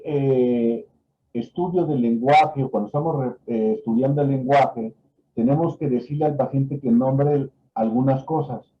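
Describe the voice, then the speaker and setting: A man's voice: medium pitch, narrow, tinny audio. Man lecturing medicine. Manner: explanatory, with frequent fillers and "¿no?" tags. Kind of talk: lecture on a neurological exam. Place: online class.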